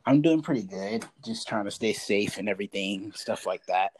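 A man's voice: lowish voice, normal speed, darkish tone, slightly rough. A man hosting a podcast, chatting in a laid-back, slangy way with many fillers. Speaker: podcast host. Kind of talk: casual interview.

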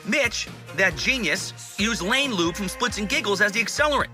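A man's voice: high-pitched, lively intonation, moderate pace. A man playing a cocky, sardonic young schemer in a cartoon, explaining things in a wry, long-winded way. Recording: music behind the voice.

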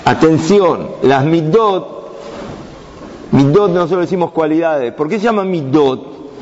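A man's voice: a little high, animated, unhurried, a little mellow, slight background noise. A man teaching a Torah lesson to young students, asking the class questions and answering them himself. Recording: dull sound with long reverb.

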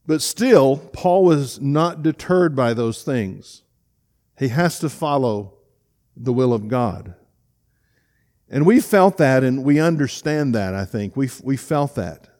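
A middle-aged man delivers a sermon from the front of a church. He speaks earnestly and with emotion, stumbling and restarting now and then. His voice sits in an ordinary middle pitch. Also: darkish tone. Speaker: pastor. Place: church sanctuary.

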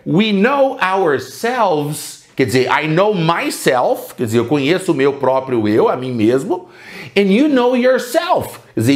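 A man teaching an English lesson who says his English examples slowly and repeats them, then explains them quickly. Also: sits high, reverberant. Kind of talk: bilingual language lesson.

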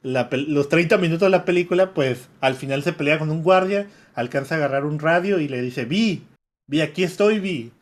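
Mexican guy retelling a movie, kinda high voice, acts out the quotes. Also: brisk, hardly any pauses. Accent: Mexican Spanish. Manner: animated storytelling, acting out quotes. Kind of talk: casual chat recapping a movie.

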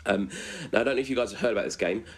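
A young man hosting a casual chat on a video call, relaxed and full of ums and uhs. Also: lowish voice, racing, husky. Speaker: host.

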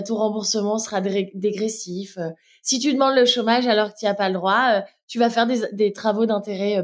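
A woman from France with a French accent, a brand co-founder speaking candidly in a casual interview, with frequent hesitations. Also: on the high side. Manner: many fillers and restarts, candid.

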